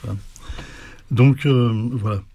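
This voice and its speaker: A man's voice: mid-range voice, takes it slowly, warm tone, breathy edge. A man explaining medieval verse in casual talk, rambling, with many fillers and restarts. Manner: recites a poem in Esperanto in a rising, sing-song lilt. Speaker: guest explaining medieval poetry. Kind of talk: casual chat.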